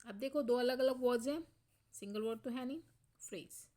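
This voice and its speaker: Lady teacher, kinda high voice, slow clear reading of examples, keeps asking if it's clear. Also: a little mellow. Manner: explains step by step, often checks in with "theek hai"; reads example sentences slowly and clearly. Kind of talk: grammar lesson for schoolchildren.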